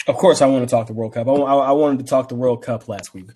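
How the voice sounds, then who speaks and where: A young man co-hosting a podcast, chatting casually and acting out bits of stories with lively swings in voice. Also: mid-range voice, quick pace, husky. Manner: animated storytelling, acts out quotes. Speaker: podcast co-host. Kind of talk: casual chat.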